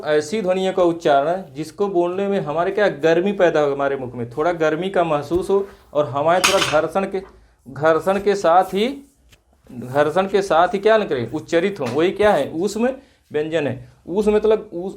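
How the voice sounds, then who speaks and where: A man teaching Hindi grammar for exam prep, asking questions and answering them himself in slow, drawn-out repetitions. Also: a little high.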